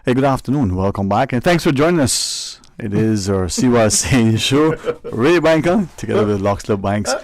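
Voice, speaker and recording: A man's voice: medium pitch, animated, normal speed, few pauses. A man, casually hosting a radio talk show. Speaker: radio host.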